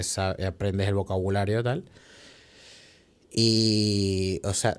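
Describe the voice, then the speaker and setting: A young Venezuelan guest on a podcast shares a personal story of hard times in a fairly low, darkish voice. His emotional, rapid delivery is full of restarted phrases and tag questions, with a distinct Venezuelan Spanish accent.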